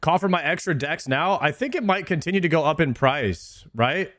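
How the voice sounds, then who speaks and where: A man's voice: a little high, lively intonation, moderate pace, fairly bright tone, no room sound, studio quality. A man chatting casually on a game livestream in hyped, slangy frat-bro talk. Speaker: game streamer. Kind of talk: casual livestream gaming chat.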